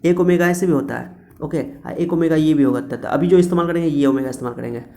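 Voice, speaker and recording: A man teaches a physics lesson on his terms. His voice sits a little high and sounds mellow. He drills each point by repeating it and answering his own questions. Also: quick pace. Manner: repetitive, coaxing, asks and answers own questions. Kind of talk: classroom-style physics lecture.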